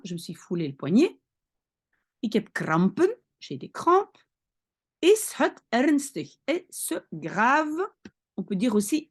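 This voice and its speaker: Slow, lively-voiced woman teacher. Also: on the high side. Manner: patient and explanatory, often checking "d'accord?" and "hein"; reads phrases slowly, then translates. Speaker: language teacher. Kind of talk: online vocabulary lesson.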